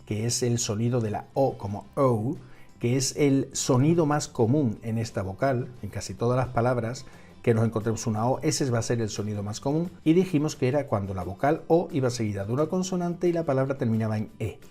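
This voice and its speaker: A man with a Peninsular Spanish accent teaches English pronunciation, going patiently through each rule step by step. His voice is warm and mellow, sitting at an average pitch, and he repeats each example word. Soft music plays faintly underneath. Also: brisk. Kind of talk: scripted lesson.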